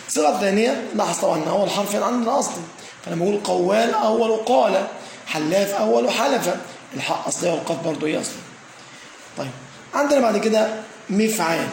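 Male grammar teacher, high gravelly voice, echoey room with faint hum, "aah" fillers. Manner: frequent "aah" fillers and checking "tamam?"; slowly stresses word patterns, listing examples. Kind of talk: explanatory grammar lesson.

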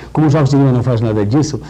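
A middle-aged man teaching a literature class in a husky, mellow voice. He talks in a discursive way, stumbling over restarts, then slows right down to recite lines of verse. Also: medium pitch, poor audio. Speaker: lecturer. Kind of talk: literature lecture with poem readings.

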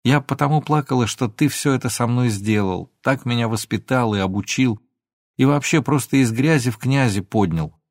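A man reading an audiobook, voicing an emotional young woman who pleads and sometimes flares up into shouting. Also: medium pitch, no echo, clean studio sound. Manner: pleading, then flaring into shouts.

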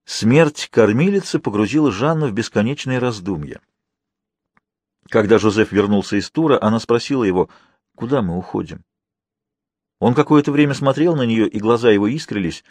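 A man reading a historical novel aloud in measured, even scripted narration. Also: mid-range voice, no echo. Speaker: audiobook narrator.

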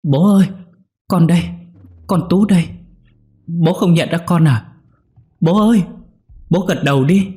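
A man doing a terrified little boy, high and sobbing. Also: unhurried, long pauses, mellow, close to an everyday voice. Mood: wailing. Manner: sobbing, pleading, high-pitched. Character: terrified little boy crying for his father. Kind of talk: audio horror story reading.

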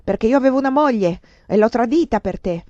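A woman reading aloud, voicing a ruined, desperate man who shouts bitter accusations. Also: medium pitch, lively intonation, moderate pace, no room sound, lightly acted. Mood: raging. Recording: dull lo-fi dry recording.

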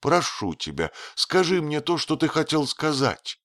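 A man's voice: mid-range voice, very animated, unhurried, no room sound, clean studio sound, voice pushed up. A man voicing a devoted young wife in the woods, lifting his voice to plead with her husband. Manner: raised voice, soft and imploring.

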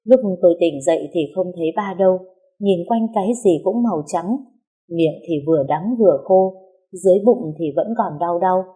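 Woman, audiobook reader, first-person novel narration, calm and even, mellow tone, husky. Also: fairly low pitch, normal speed.

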